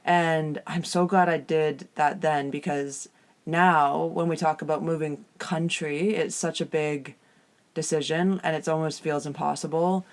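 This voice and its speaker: Female podcast co-host, Canadian, slightly husky, casual conversation recorded inside a small trailer. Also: low voice, steady tone, measured pace. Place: inside a small caravan with soft furnishings.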